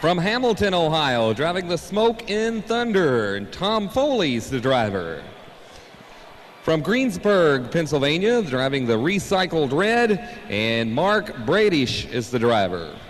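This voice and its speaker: A man's voice: on the high side, very animated, slow. A man co-announcing a tractor pull, calling out line-ups live as an event announcer. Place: large indoor arena. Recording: reverberant arena PA, background noise.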